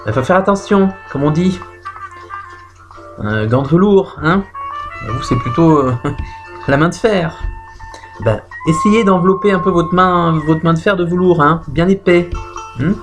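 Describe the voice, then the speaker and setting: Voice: medium pitch, natural voice. [name], a performer doing a theatrical female clairvoyant. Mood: mystic, teasing. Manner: theatrical, drawn-out "hmm" and "ouh là là", claims flashes and vibrations. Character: chatty female clairvoyant reading a caller's fortune. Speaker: fortune teller taking a call. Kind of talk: comic phone-in sketch. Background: music playing behind the voice.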